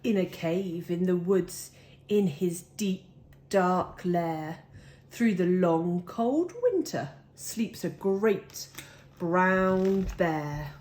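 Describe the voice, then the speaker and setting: A woman reading a children's picture book aloud with deliberate, dramatic phrasing. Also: on the low side, animated, a little mellow. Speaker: storybook reader.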